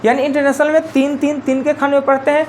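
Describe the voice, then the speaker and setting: A woman teacher with a Bihari Hindi accent lectures a live class in a fairly high voice. She counts digits aloud one by one and repeats each rule as she goes. A faint room hum sits behind her. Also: little pitch movement, fast talker, a little mellow. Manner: explains step by step, counting digits aloud and repeating key points.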